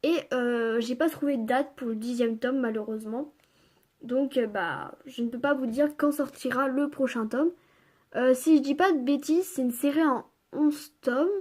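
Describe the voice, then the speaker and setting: A woman's voice: high-pitched, normal speed, darkish tone. A young woman chatting casually about her manga purchases, reading blurbs aloud, with many fillers and gushing remarks. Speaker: manga haul vlogger.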